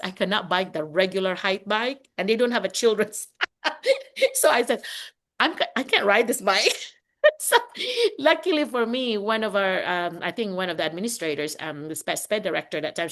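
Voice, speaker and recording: A woman's voice: medium pitch, normal speed. A woman from the Philippines, a teacher, chatting casually on a video call, telling stories with frequent laughter. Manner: chatty, laughs often, animated storytelling. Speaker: teacher and session leader.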